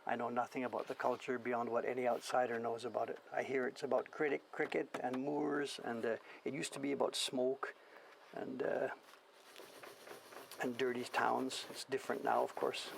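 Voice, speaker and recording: A printmaker in his seventies, English-born and from the Canadian prairies with a generic Canadian accent, hosts a studio stream. He reminisces casually as he works, rambling, musing and questioning himself in a level, gravelly mid-range voice at normal speed. The recording is rough, with slight background noise.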